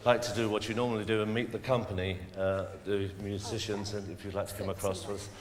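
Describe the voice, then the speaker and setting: A man's voice: fairly low pitch, flat delivery, fast. A man hosting a live stage comedy bit, chummy and jokey. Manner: jokey, chummy, laughing through lines. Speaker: comedy host. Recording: large hall with loud crowd.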